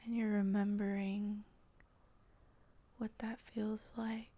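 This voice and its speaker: In a medium-pitched, level, soft and breathy voice that keeps sliding toward a whisper, a woman guides an improvised meditation. She is a guided meditation host and channeler, and her delivery is gentle and halting, with long pauses.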